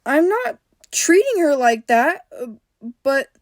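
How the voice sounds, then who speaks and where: A woman's voice: very high voice, wildly swooping pitch, slow pace, a little mellow, no echo, studio quality, voice pushed up, heavily acted. A woman voicing a shy young woman who stammers and gets flustered.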